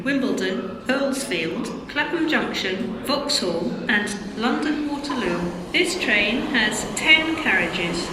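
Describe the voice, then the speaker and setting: A woman's recorded train station announcement over a public address loudspeaker, delivered in a measured, even way. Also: fairly high pitch. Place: railway station platform. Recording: echoey platform loudspeaker, noisy station.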